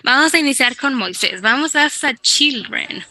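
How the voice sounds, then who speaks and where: A woman teaching an online English class, who explains in Spanish and slowly repeats English phrases to model their pronunciation. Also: sits high, animated, bright, forceful tone, no echo.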